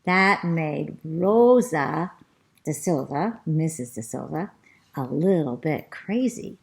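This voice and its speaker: A woman reading a children's storybook aloud as a chatty, fussy pet parrot who narrates the tale, in a slow, sing-song rhyming manner. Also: deep voice, expressive, creaky, pitched below the performer's own voice, full character voice. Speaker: storybook reader.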